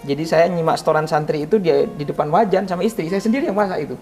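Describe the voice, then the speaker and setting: An ustadz appearing as an interview guest shares an emotional personal story, speaking quickly in a darkish tone with faint music in the background. He tells it earnestly, his voice climbing high as he recalls his prayers.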